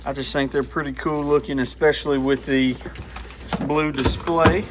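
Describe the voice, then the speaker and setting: Working at a repair bench in a small indoor radio repair workshop, a vlogger talks to himself in a casual, folksy, easygoing way. His voice is on the high side and steady, at a moderate pace. The clip is very noisy.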